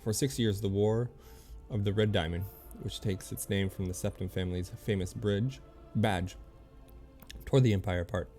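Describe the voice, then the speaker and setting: A man streaming a game, reading its lore aloud in a halting way, often stumbling and correcting himself. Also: on the low side, warm tone, soft background music.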